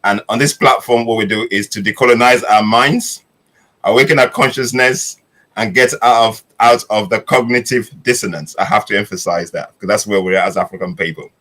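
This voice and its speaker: A man's voice: fairly low pitch, fairly even intonation, brisk, a bit bright, rough recording. A man hosting an online panel, welcoming listeners with emphatic greetings. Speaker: host.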